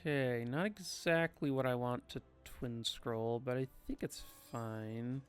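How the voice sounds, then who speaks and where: A man's voice: medium pitch, fairly even intonation, measured pace, faint music behind. Sleepy man thinking aloud over gameplay. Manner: thinking aloud, many ums, tired and yawning. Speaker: gaming streamer. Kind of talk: casual gameplay commentary.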